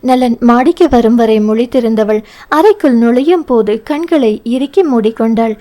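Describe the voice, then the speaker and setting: A woman with a Tamil accent narrates a novel as an audiobook reader. Her voice sits a little high but has a dark, mellow colour. She reads narration and dialogue in much the same voice. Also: moderate pace. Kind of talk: novel reading with character dialogue.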